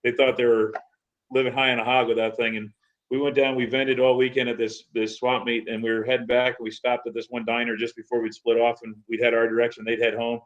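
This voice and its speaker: A man's voice: medium pitch, flat delivery, quick pace. A man telling rambling stories and laughing in a casual chat. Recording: dull lo-fi sound.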